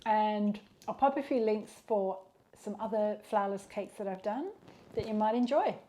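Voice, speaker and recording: A woman's voice: medium pitch, moderate pace, warm tone. Chatty woman hosting a home baking tutorial. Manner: chatty and encouraging, talks while eating. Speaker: home baking channel host. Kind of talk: casual cooking tutorial.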